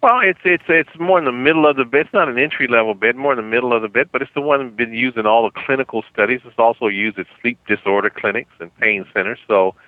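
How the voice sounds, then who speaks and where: A man working as a phone sales representative, speaking politely and somewhat haltingly over a telephone line. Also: mid-range voice, dry recording. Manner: polite, stammering, calls the caller ma'am. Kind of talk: customer service phone conversation. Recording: thin, dull telephone line.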